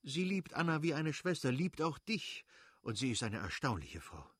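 A man voicing a good-natured, effusive middle-aged nobleman who pleads warmly with his brother-in-law. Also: fairly high pitch, very animated, normal speed, husky, dry recording, studio quality, pitched above the performer's own voice, full character voice. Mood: effusive pleading. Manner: warm, effusive, imploring.

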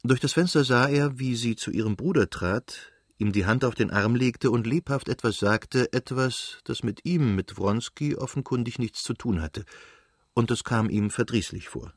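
A man narrating a classic novel as an audiobook in a measured, literary reading. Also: medium pitch, dry recording, clean studio sound.

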